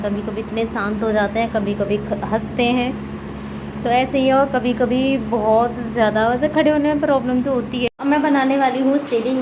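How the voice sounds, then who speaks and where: Chatty woman vlogging over rain noise. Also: medium pitch. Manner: chatty, explains each step to viewers. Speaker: home caregiver vlogger. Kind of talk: casual home vlog narration. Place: at home during heavy rain.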